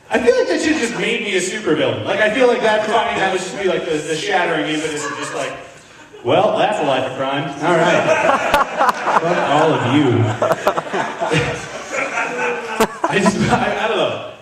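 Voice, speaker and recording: A young man performing stand-up, sardonic and profane, tossing off self-mocking asides. His voice sits high for a man. The sound is distant and washed in heavy room echo. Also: fairly bright tone. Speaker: stand-up comedian. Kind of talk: live stand-up comedy. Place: comedy club room with a live audience. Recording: very echoey room, captured from afar.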